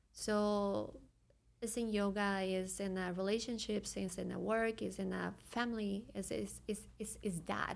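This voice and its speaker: Venezuelan woman guest, Spanish native, earnest, repeats phrases, light fry. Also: medium pitch. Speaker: podcast guest. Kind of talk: reflective conversational interview.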